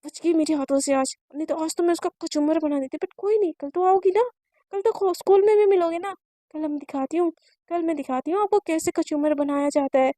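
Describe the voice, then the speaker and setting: A woman voicing a bratty, scheming teenage schoolgirl who talks in a whiny, loud way. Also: extremely high pitch, brisk, dry recording.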